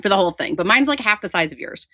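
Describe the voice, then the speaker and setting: A woman's voice: mid-range voice, expressive, rapid-fire, sharp tone, no echo, clean studio sound. A middle-aged woman hosting a podcast, chatting casually and giggling often. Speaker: podcast host. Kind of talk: casual chat. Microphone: studio microphone.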